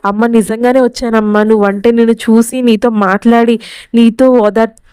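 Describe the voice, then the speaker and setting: A woman's voice: fairly high pitch, level tone, normal speed, warm tone, smooth, dry recording, clean studio sound, natural voice. A woman reading the lines of a sorrowful young man who pleads to see his mother. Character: grieving young husband missing his mother.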